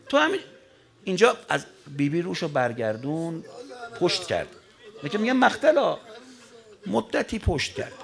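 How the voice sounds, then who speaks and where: A man preaching an emotional religious sermon, telling a story with sudden surges of pitch and volume that fall back to a low murmur. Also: vocal fry. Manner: dramatic storyteller, voice surging high and loud then dropping low.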